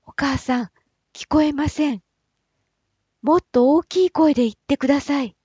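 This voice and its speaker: A kind-hearted storybook giant pleads and coaxes in an earnest rush, read out by a woman. The voice stays breathy and soft-toned, close to the reader's own. The recording is dry and slightly dull. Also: a little high, steady tone, measured pace, dry recording. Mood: pleading. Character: gentle kind-hearted giant man, witch's son.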